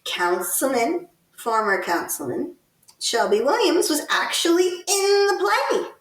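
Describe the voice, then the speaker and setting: Slow, pointed higher-voiced woman host. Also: sing-song, far from the mic. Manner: deliberate, pointed, sarcastic criticism. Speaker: podcast co-host. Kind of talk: casual political commentary. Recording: roomy sound, set back from the mic.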